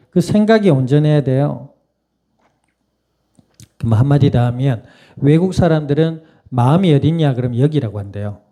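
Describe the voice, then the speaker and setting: Korean pastor with a very dark voice. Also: male voice, mid-range voice. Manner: conversational preaching with laughs and rhetorical questions. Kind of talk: sermon. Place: church sanctuary.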